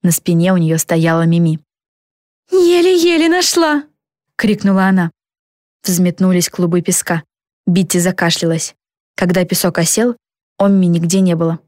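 Woman narrating a storybook, lively, dry close recording. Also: lowish voice, normal speed, dry recording. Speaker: audiobook narrator.

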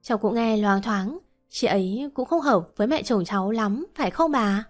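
A woman's voice: mid-range voice, expressive, moderate pace, close to an everyday voice. Woman reading as a polite young pregnant wife, meek and pleading, faint music behind, storybook reading. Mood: curious.

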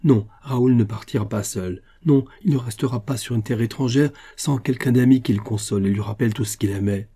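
A man reading the part of a grave, gentle aging nobleman speaking tenderly to his son, in a husky, dark voice. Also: mid-range voice, fairly quick, few pauses.

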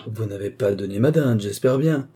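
A man voicing an irascible older country gentleman who bursts out in spluttering, indignant exclamations, for an audiobook. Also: on the low side, moderate pace, husky. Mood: outraged.

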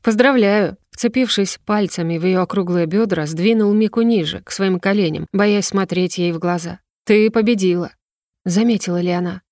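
A woman narrating a first-person story in a lively, ironic storytelling manner, read close to the mic. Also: lowish voice, brisk, few pauses, no room sound. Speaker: audiobook reader.

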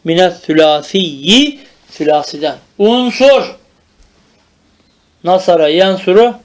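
A man teaching Arabic grammar in a traditional madrasa style, drilling terms slowly and stopping to check that the student follows. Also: sits high, animated.

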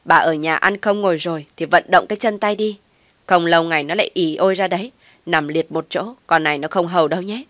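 A woman voicing a brash, mocking young wife who shouts at her mother-in-law. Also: mid-range voice, animated, normal speed, dry recording, lightly acted. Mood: shouting scornfully. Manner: shouting, scornful.

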